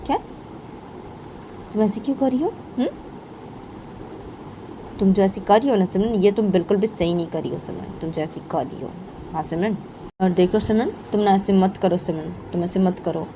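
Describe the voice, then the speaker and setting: A woman voicing a stern middle-aged mother who scolds in a low voice and keeps repeating her daughter's name. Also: normal speed, pauses often, noisy background, lightly acted. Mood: scolding.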